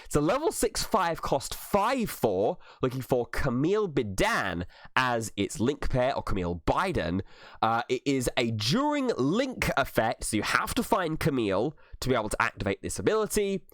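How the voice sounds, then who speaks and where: A man breaks down new trading card game cards one by one, analytical and casual. His pitch jumps up and down a lot as he talks. The sound is dry and close, with no room echo. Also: big pitch swings, moderate pace, fairly bright tone. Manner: analytical, with some filler restarts. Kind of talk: card game set review.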